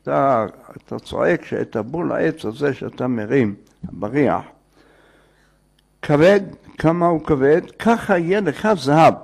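A man's voice: medium pitch, lively intonation, gravelly, darkish tone. A man voicing a pious, persistent old male rabbi who pleads and insists at a door. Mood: earnest.

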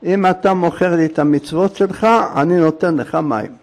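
Man playing a sly water seller, calm dealmaker, gravelly. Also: a little high, close to an everyday voice.

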